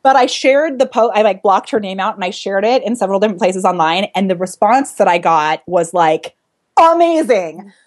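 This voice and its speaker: Female speaking coach, quick and chatty, slight lisp, easy laughter. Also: medium pitch, expressive, a little mellow. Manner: fast-talking, bubbly, laughs often. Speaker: vocal coach. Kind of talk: casual chat.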